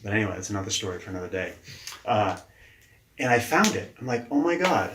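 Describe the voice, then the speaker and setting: A man in his forties, a guest leadership coach, telling stories from his life in casual conversation with an animated, mildly profane manner. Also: fairly low pitch, fast, background noise. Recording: echoey room.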